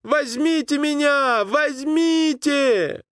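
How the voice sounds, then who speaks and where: A man voicing a young boy lost on a riverbank, calling out high and drawn out. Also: lively intonation, measured pace, a bit bright, dry recording, studio quality, exaggerated voice. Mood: desperate shouting.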